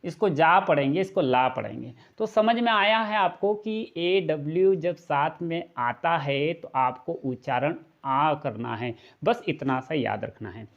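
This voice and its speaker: A man's voice: a little high, expressive, a little slow, gravelly, few pauses, dull audio. A man teaching English pronunciation step by step in a video lesson, repeating each point and asking rhetorical questions. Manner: patient, step-by-step explaining. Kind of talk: classroom-style video lesson.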